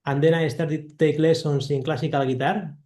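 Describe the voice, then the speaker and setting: A man's voice: fairly high pitch, steady tone, brisk, mellow, echoey room. A man from Spain with a Spanish accent, speaking as a guest composer in an interview, thoughtful and hesitant with many fillers. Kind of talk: interview conversation.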